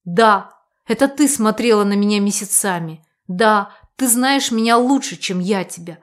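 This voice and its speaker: A woman's voice: mid-range voice, moderate pace, natural voice. A woman voicing a passionate, protective young man in love, speaking earnestly in an audiobook. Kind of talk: audiobook character reading.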